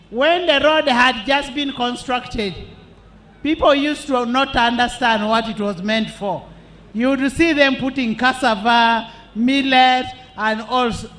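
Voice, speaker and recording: Very high-pitched, slow Ugandan man rallying. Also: a bit bright. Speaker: political speaker welcoming the president. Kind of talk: rousing political rally speech. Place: political rally, speaking through a microphone.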